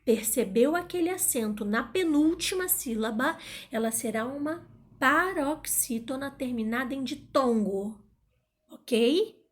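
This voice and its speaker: High-voiced playful woman teacher. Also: lively intonation, measured pace. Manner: playful, calls out words loudly to find the stressed syllable. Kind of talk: video grammar lesson.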